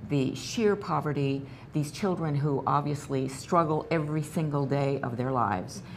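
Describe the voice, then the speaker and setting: A woman's voice: deep voice, normal speed. A woman hosting a talk show, interviewing in a conversational and emphatic way. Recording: clear background noise and ambience.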